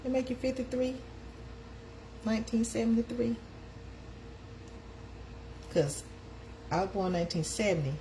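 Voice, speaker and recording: Woman host, 50s, chatty, higher pitched, faint hiss behind her. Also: expressive, measured pace, long pauses, mellow. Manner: chatty, calls out to viewers. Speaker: live stream host. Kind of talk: casual live chat.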